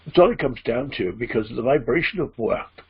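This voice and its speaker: A man voicing a spirit guide as a trance medium at a seance, teaching solemnly and deliberately in a gravelly, husky voice. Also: mid-range voice, lively intonation. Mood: calm, instructive. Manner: seance medium manner, preachy, deliberate, emphatic repeated phrasing. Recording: dull, muffled lo-fi audio.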